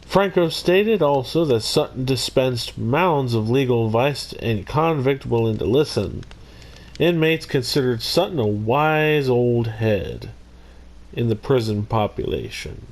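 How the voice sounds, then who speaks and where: A man's voice: mid-range voice, animated, unhurried. A man hosting his own video, casually narrating a criminal history and breaking off into rambling jokey asides. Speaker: YouTube host. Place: Missouri.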